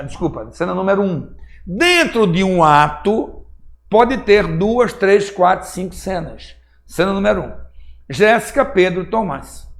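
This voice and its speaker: A man's voice: high-pitched, gravelly. A man teaching a class, reading a play aloud and explaining it, checking often that listeners follow, with a Pernambuco Brazilian accent. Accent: Pernambuco Brazilian Portuguese.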